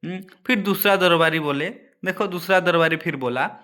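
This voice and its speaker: Male teacher, story lesson for kids, explains word meanings, slightly high voice, bright and forceful. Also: moderate pace. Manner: addresses children often, explains word meanings. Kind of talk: reading and explaining a story to children.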